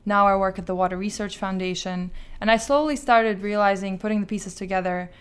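A woman answers questions as an interview guest. Her voice sits at an average pitch for a woman and comes across smooth and clear. The delivery is conversational. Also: fairly quick. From Azerbaijan. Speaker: interview guest, startup founder.

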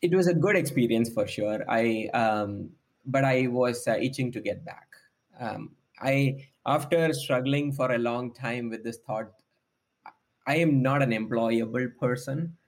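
A man's voice: medium pitch, a little slow. A man, a startup founder talking through his career in a podcast interview, thoughtful and hesitant with many ums. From India.

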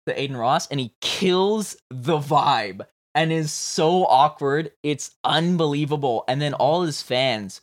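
A man hosting a podcast, talking in an animated, profane, casual way and laughing often. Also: on the high side, a little slow, hardly any pauses, no echo, clean studio sound. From Canada. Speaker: podcast host. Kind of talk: casual chat.

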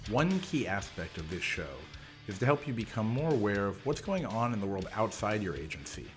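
Lower-voiced man hosting an explainer podcast. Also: very animated, a little fast, music in the background. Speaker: podcast host. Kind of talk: solo explanatory podcast monologue.

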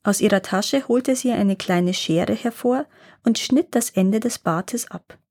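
A woman narrating a fairy tale in a calm, measured storybook reading. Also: mid-range voice, no echo, studio quality.

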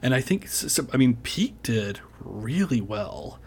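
Animated rambling man chatting. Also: medium pitch, measured pace, slight background noise. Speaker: podcast guest. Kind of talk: casual political chat.

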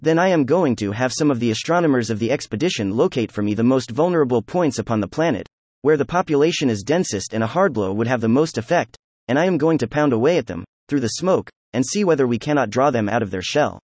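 A man reading a classic science fiction story aloud as scripted narration, with an even, unhurried delivery and the dialogue read with little change of voice. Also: mid-range voice, no room sound. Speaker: audiobook narrator.

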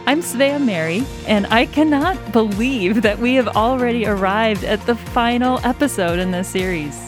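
A woman's voice: fairly high pitch, moderate pace, over music. A woman hosting a conversational Bible study podcast and teaching as she goes.

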